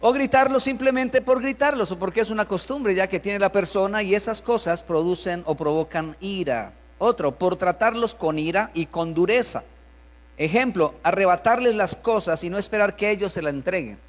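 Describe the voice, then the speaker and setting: High-voiced male pastor in a reverberant hall. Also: normal speed. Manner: conversational preaching, acts out parents' lines. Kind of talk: sermon. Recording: reverberant hall with mains hum.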